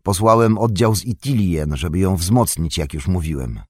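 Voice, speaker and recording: A man's voice: sits low, moderate pace, a little mellow, husky, dry recording, clean studio sound. A man voicing a weary, dutiful young captain in an audiobook, tired and sighing. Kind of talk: audiobook reading.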